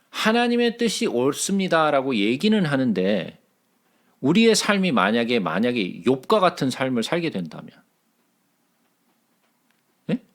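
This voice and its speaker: Gravelly man leading a lively Bible study. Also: fairly high pitch. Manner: conversational, checks in with listeners often.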